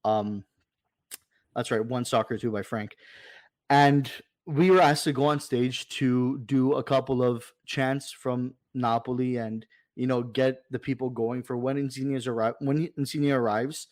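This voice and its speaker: A man in a podcast chat tells a story with energy and voices the lines people said along the way. His voice is mid-pitched and is heard in a dry, close recording with no room sound. He talks in a loose, casual way. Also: unhurried, no echo. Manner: animated, retells scenes with quoted dialogue. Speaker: supporters' club president, podcast guest.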